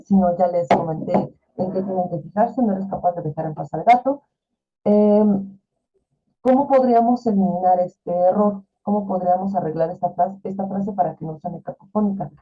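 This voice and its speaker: A woman's voice: medium pitch, moderate pace, soft background music. A woman teaching an online class, explaining in a chatty way with fillers and rhetorical questions. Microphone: video call. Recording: tinny phone-like video call audio.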